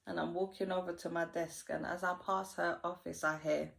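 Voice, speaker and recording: A woman tells a story to her followers while getting ready. Her voice sits a bit low, and she slips into slang and dialect voices as she acts out each scene. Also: level tone, normal speed, vocal fry. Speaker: vlogger. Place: home.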